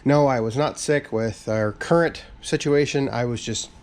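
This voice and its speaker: A channel host records a casual update video in a workshop crowded with parts. His medium-pitched voice is slightly raspy from a cold, and he talks at a normal speed in a loose, rambling manner, full of fillers and restarts.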